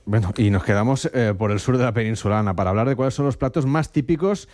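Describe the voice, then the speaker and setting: A man's voice: medium pitch, quick pace, darkish tone. A man from Barcelona hosting a casual radio chat, asking his guests questions in a chatty way. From Barcelona, Spain. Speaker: radio host.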